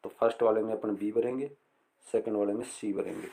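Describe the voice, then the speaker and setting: A middle-aged male teacher explaining an English lesson slowly and patiently, repeating words and reading phrases aloud. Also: lowish voice, fairly even intonation, gravelly, mellow.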